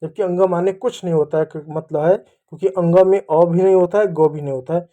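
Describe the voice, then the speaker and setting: A man teaching young children to read, patiently repeating each sound slowly. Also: fairly high pitch, fairly even intonation, mellow. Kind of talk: children's reading lesson.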